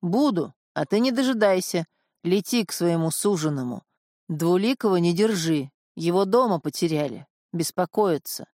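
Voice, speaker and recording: A woman voicing a stern old village wise woman in an audiobook, speaking in a gruff, commanding way. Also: fairly low pitch, expressive, normal speed, darkish tone, no echo, clean studio sound, natural voice.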